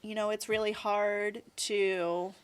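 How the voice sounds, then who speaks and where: A chatty woman in her thirties, a guest in a casual interview, rambles and fills her speech with "like" and "you know." Her mid-range voice is clear and resonant, with a level tone and a slow pace.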